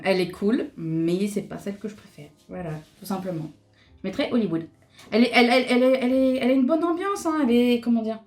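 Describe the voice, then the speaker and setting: A woman's voice: medium pitch, a little mellow. A young woman chatting casually and laughing as she does her makeup for a vlog, with lots of fillers and restarts. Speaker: beauty vlogger. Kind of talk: casual chat while doing makeup.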